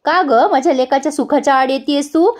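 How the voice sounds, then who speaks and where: A woman's voice: high voice, steady tone, fast talker, natural voice. A woman putting on a furious scolding mother-in-law. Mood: angry scolding. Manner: shouting insults, harsh and scolding.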